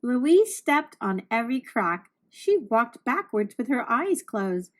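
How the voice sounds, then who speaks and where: A woman reading a children's storybook aloud, narrating with deliberate, expressive phrasing for young listeners. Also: on the high side.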